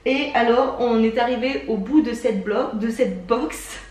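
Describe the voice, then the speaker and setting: A woman casually reviewing beauty box products, chatty and enthusiastic, often pausing with fillers, recorded indoors at home. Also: fairly high pitch, darkish tone, far from the mic. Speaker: beauty box unboxing vlogger. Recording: roomy sound from a mic set back, faint hiss.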